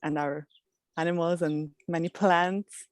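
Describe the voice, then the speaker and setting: A woman from Switzerland, a podcast guest speaking outdoors in a reflective, halting way. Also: lowish voice, fairly even intonation, no echo. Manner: soft, reflective, halting with restarts. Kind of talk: casual interview chat. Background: birdsong.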